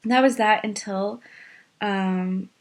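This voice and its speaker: Chatty woman in her twenties. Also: mid-range voice. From Maine, USA. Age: 20s. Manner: animated, with fillers and quick rushes. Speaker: adoptee telling her story. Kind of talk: casual personal storytelling.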